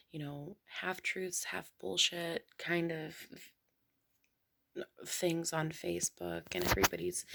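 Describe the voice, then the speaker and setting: A young woman talking quietly to her viewers at home in the early morning, half whispering and rambling with many fillers. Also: fairly low pitch, creaky, husky. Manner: hushed, half whispering so as not to wake someone. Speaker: vlogger. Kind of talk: casual hushed chat to camera.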